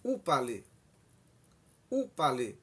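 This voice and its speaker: Slow husky man teaching a language. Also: mid-range voice, huge pitch swings. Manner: repeats each phrase twice, slow and deliberate. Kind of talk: slow bilingual language lesson.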